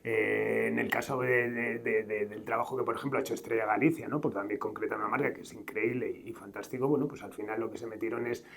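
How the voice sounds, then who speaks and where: A man's voice: on the low side, fairly even intonation, fast talker, gravelly, hardly any pauses, a bit bright. A man from Madrid speaking on a conference panel, hesitant and repeating words while he searches for them. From Madrid, Spain. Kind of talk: conference talk.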